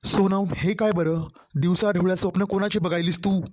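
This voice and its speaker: A man's voice: high-pitched, fairly even intonation, brisk, a little mellow. A man voicing an irritated, complaining young husband in a cartoon story, with a Marathwada Marathi accent. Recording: dull lo-fi audio.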